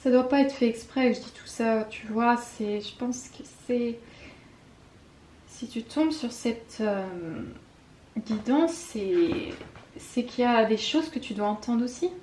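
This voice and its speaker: French woman, tarot guidance host, very unhurried, hushed and hesitant, faint hiss behind. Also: fairly high pitch. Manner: slow, soft and intimate, often dropping to a whisper; hesitant, with fillers and self-mocking laughs. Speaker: tarot card reader. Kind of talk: spiritual card-reading guidance.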